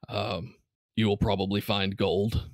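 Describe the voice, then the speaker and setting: Man playing a grave leader of veteran riders, low, serious, urgent, dry sound. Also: flat delivery, a little slow, creaky, darkish tone, no room sound.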